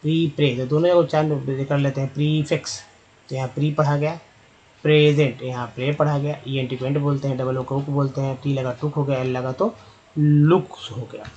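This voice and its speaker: A man's voice: mid-range voice, little pitch movement, brisk, a little mellow, highs cut off, slight background noise. A man teaching an online lesson, spelling out letters and sounding out English words as he talks to viewers as friends. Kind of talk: explaining a lesson.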